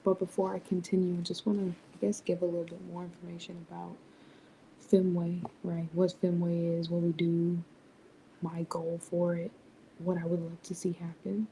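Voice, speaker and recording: A young woman hosting a late-night livestream, speaking softly and half whispering so she won't wake the house. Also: on the low side, monotone, moderate pace, a little hiss or hum, low-quality recording. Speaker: livestream host, business founder. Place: home at night, others asleep.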